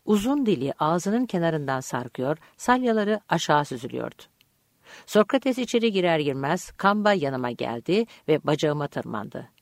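A woman reading an audiobook chapter aloud in calm, measured scripted narration. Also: deep voice, no echo, clean studio sound.

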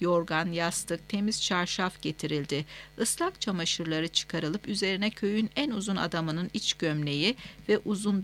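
A woman narrates a novel as an audiobook at mid pitch. She reads steadily and measuredly, phrasing each clause cleanly. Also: fairly bright tone.

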